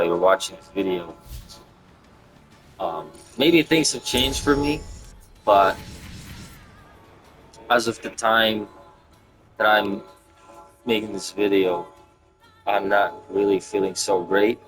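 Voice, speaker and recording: Guy in his 20s rambling to camera, kinda low voice, lots of um and you know, music going behind. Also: rough recording. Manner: rambling, halting, with many fillers and restarts. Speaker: gaming video creator. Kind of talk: casual reflective monologue.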